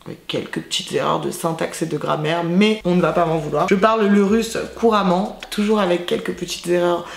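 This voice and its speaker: A woman's voice: fairly low pitch, fairly even intonation, brisk, vocal fry, reverberant. A woman in her twenties, from Azerbaijan, chatting playfully and self-mockingly with her viewers in a casual vlog. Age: 20s. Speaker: YouTuber.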